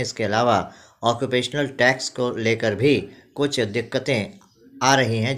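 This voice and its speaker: Bright-voiced male news narrator. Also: medium pitch. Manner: formal, even news-reading delivery. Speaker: news reporter.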